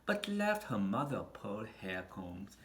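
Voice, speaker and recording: Reading a children's picture book aloud, a man with a lowish voice speaks very slowly and deliberately, using dramatic pauses and lively rises and falls to carry the story. The room is roomy and echoing, with faint background noise.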